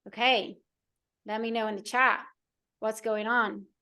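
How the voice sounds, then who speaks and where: A woman's voice: on the high side, little pitch movement, unhurried, vocal fry, bright, forceful tone, clear, resonant tone. A woman coach leading a live online workshop in a soothing, encouraging way, checking in often with her listeners. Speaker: mind-body coach.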